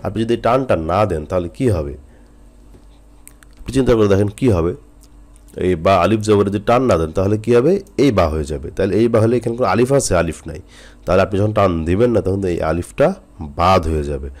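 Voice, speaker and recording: A man from Jessore with a Jessore Bengali accent, teaching Quran reading and drilling the letters slowly and patiently. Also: lowish voice, expressive, a little mellow. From Jessore, Bangladesh. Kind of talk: recitation lesson.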